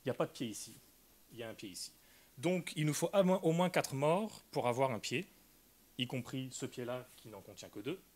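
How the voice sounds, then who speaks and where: Guy lecturing at a conference, mid pitch, careful, lots of euh and restarts. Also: expressive, brisk, darkish tone. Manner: careful explanatory delivery with frequent hesitations. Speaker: linguistics lecturer. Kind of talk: academic conference talk.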